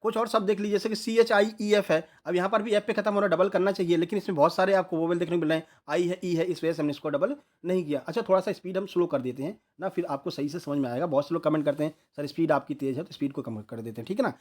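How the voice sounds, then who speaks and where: A man's voice: sits high, fairly even intonation, fast, few pauses, darkish tone. A man, teaching an online exam prep lesson, spelling words out letter by letter and checking in with his listeners often.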